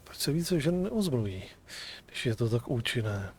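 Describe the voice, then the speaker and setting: A man's voice: medium pitch, sing-song, normal speed, a little mellow, slightly rough. A man streaming a video game, reading dialogue choices aloud with casual commentary.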